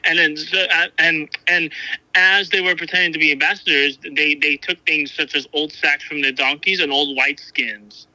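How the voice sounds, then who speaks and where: A man's voice: on the high side, steady tone, sharp tone, no echo, poor audio. A man reading a Bible passage aloud and then discussing it casually, often stumbling and restarting his sentences. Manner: halting, frequent restarts and fillers. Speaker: Bible reader and discussion partner.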